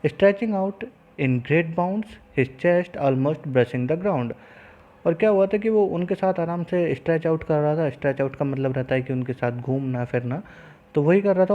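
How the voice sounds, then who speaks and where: A male teacher who reads English lines slowly and then explains them at length in Hindi. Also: fairly high pitch, warm tone, dull audio. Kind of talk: line-by-line lesson explanation.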